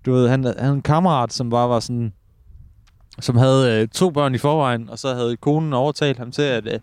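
Smooth-voiced young man telling stories. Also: medium pitch, fairly even intonation, darkish tone, no echo. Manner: laughing, telling anecdotes, many restarts. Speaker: podcast co-host. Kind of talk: casual chat.

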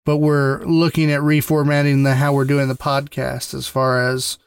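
A man's voice: medium pitch, monotone, moderate pace, creaky, smooth, dry recording, studio quality. A man co-hosting a gaming podcast in casual chat, easygoing, repeating words and laughing often. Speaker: podcast co-host.

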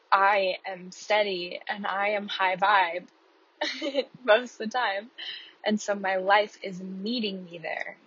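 A woman hosting a casual, reflective podcast while driving, talking in a hesitant, rambling way with many fillers. Her voice comes through a low-quality earbud mic in a car. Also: fairly bright tone, breathy edge, highs cut off. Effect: low-quality earbud-mic sound. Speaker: podcast host. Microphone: wireless earbuds.

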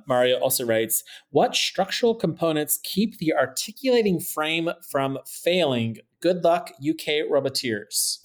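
A man hosting a podcast, reading out listener questions with frequent "um" fillers. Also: mid-range voice. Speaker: podcast host. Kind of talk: podcast interview.

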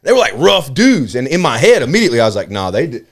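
A male comedian hosting a podcast, telling a profane story in a loose, animated, casual way. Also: medium pitch, fast talker.

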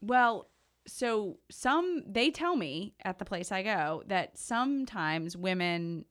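A woman hosts a relaxed podcast conversation, sounding eager as she explains. She fills her talk with "like" and "um", at a medium pitch. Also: slow. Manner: eager, explains with many "like" fillers. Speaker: podcast host. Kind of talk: casual chat.

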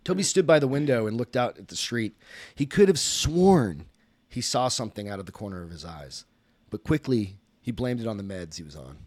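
A man's voice: fairly low pitch, expressive, a little fast, a little mellow, dry recording. A man, host of a podcast, reading a story aloud in a casual way, often stopping to correct himself.

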